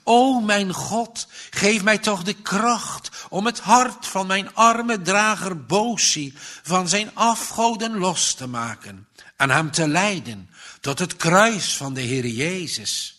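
A man's voice: sits high, animated, slow pace, sharp tone, voice pushed up, heavily acted. A man voicing a frail, earnest young boy who pleads urgently in a storybook reading. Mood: praying.

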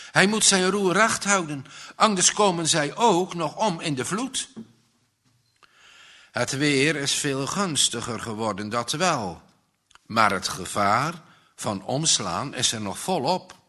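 A man reading a story aloud in a dramatic way, swelling loudly at the tense moments. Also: mid-range voice.

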